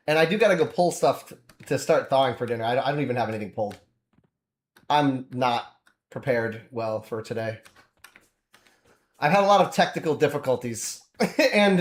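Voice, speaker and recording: A man's voice: mid-range voice, animated, normal speed, pauses often, roomy sound. A man casually chatting while streaming a game, rambling and laughing often as he plays.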